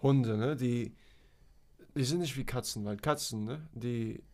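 A man's voice: mid-range voice, crowd noise. Rambling teenage boy telling a story. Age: teens. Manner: rambling storyteller, halting with fillers. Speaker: podcast guest. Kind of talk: casual chat.

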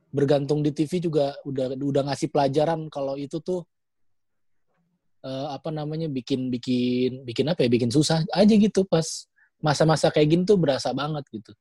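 A man, a comedian and TV performer, reflecting in a relaxed and slightly halting way in casual panel talk. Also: a little high, slightly rough, no room sound.

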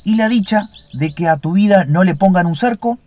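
A man voicing a vain, suspicious older male lapwing bird with a shrill, screeching voice in a storybook fable. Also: normal speed, a little mellow, dull audio, lightly acted. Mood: challenging.

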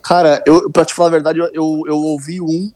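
Halting, informal man as a podcast guest. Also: a little high, little pitch movement, a little mellow. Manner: halting, repeats words, informal slang. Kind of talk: casual interview chat.

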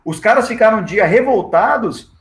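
A man's voice: high-pitched, moderate pace. A man with a Brazilian Portuguese accent, a football assistant coach telling stories in a casual interview and acting out the dialogue in them. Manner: lively, acts out the dialogue in his stories. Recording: echoey room with faint music.

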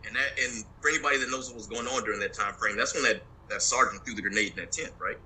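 A man in his forties, a military veteran guest, telling war stories in a profane, animated way on a call from his phone. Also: on the low side, fast talker, a little hiss or hum, rough recording. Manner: profane, animated storyteller, laughs a lot. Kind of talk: casual storytelling interview.

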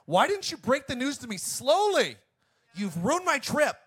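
A man's voice: very high voice, big pitch swings, unhurried, fairly bright tone, pitched above the performer's own voice, full character voice. A man voicing an exasperated wife who scolds her husband in a joke story. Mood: scolding. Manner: indignant, lecturing.

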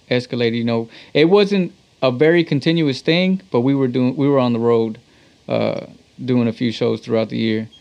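A Texas musician who works with the talk box swaps stories in an informal interview, speaking in loose street slang. His mid-range voice is creaky and a little mellow, captured with lo-fi sound.

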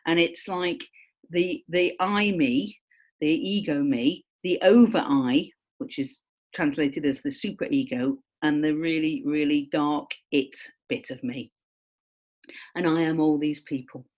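A woman's voice: low-pitched, unhurried. A woman explaining ideas in a casual, rambling chat, full of fillers and self-mocking asides. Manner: rambling, full of "kind of" and "you know"; chatty, self-mocking, lively.

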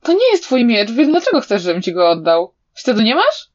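A woman voicing a sharp-tongued young male hero who cuttingly provokes and interrogates his enemy, in a slightly dull recording. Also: on the high side, huge pitch swings, fairly quick. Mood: taunting.

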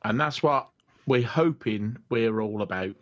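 A British man of ordinary pitch chats as a podcast co-host. He is agreeable and emphatic in an unscripted style. His audio is dry and a little dull. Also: measured pace, no echo. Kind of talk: casual chat.

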